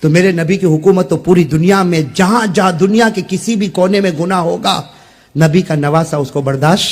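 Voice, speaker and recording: A man preaching an impassioned sermon to a gathering. He questions the listeners directly and swings from low, confiding talk to loud shouted peaks. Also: moderate pace.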